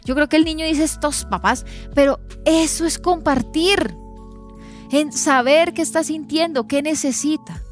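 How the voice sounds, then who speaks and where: A woman's voice: high-pitched, unhurried, faint music behind. A woman in her thirties with a Colombian accent, preaching earnestly from a church stage and acting out quotes. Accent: Colombian Spanish. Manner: earnest, with lively acted-out quotes. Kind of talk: sermon.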